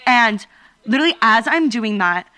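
A woman's voice: a little high, expressive, moderate pace, pushed and bright. A young woman co-hosting a podcast, telling a story in casual chat with lots of fillers. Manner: chatty storytelling with many fillers. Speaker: podcast co-host. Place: basement at home.

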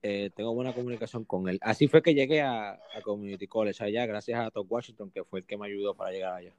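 A young man with a Puerto Rican accent telling stories casually in an interview, animated and full of restarts. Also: lowish voice, fast. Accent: Puerto Rican Spanish. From Puerto Rico. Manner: animated, acts out quotes with restarts. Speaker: guest, basketball player.

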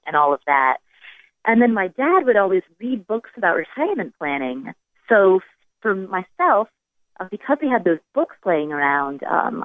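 Calling in over a phone-like line, this US-based personal finance expert talks as a podcast guest in a relaxed, explanatory way. Her voice sits on the low side, and the band-limited call audio is dry, with no room sound at all.

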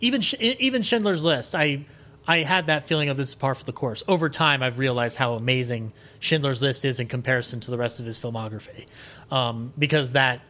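His mid-range voice is bright and forceful, a little fast. This man, a podcast guest, talks casually and with strong opinions about music and film, full of enthusiasm and emphasis, often restarting in the middle of a thought.

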